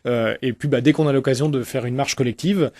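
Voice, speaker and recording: Un homme, enseignant invité à la radio, qui explique spontanément en hésitant et en répétant des mots. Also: male voice, mid-range voice, a little fast, a little mellow, no echo, studio quality. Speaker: interview guest, teacher. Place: close dry radio microphone.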